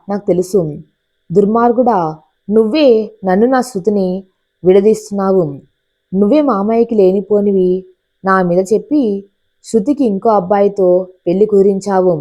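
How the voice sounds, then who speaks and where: A woman's voice: mid-range voice, normal speed, long pauses, dull audio, close to an everyday voice. Woman voicing a jealous hot-tempered young man. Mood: furious. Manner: angry, forceful outbursts.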